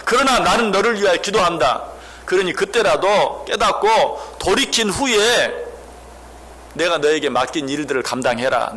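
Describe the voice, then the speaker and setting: Preacher: male pastor, somewhat high voice, sermon delivery with rhetorical questions, faint church room noise. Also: pushed and bright. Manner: asks the congregation questions, acts out quoted speech.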